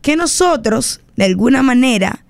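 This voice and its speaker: Gravelly Dominican woman, dry studio. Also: fairly high pitch, animated, normal speed, no echo. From Dominican Republic. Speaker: politician guest. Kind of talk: casual radio talk-show commentary. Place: radio studio booth.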